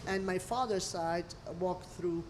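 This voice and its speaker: A little hiss or hum sits under a lowish female voice moving at a measured pace. It's a middle-aged Lebanese restaurant owner, interviewed during a meal, spinning expressive stories in non-native, imperfect English.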